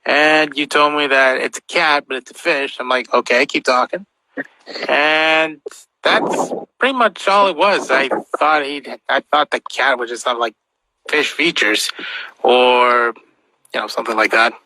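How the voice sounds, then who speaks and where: A man's voice: mid-range voice, measured pace, sharp tone, slight background noise, poor audio. A man, a guest voice actor, chatting casually on a podcast, rambling with lots of fillers.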